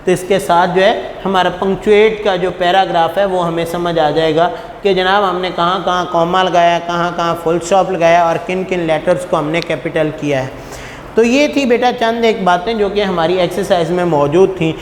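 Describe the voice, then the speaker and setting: A man's voice: sits high, fairly even intonation, moderate pace. A man teaching a class, explaining step by step, asking rhetorical questions and calling his students "beta". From Pakistan. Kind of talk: classroom lecture. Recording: echoey room with long reverb, faint noise.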